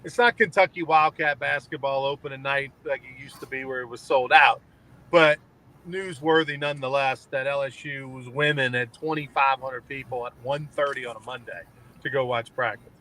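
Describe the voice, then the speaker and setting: A man's voice: medium pitch, fairly even intonation, moderate pace, sharp tone, poor audio. A man co-hosting a casual sports talk show, rambling conversationally with frequent restarts.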